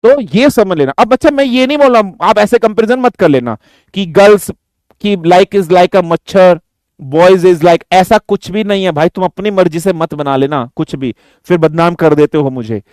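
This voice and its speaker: Man, high voice, physics teacher, mix, question-and-answer lecture, dry close sound. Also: normal speed, dry recording. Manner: addresses students as beta, asks and answers own questions. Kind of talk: classroom lecture.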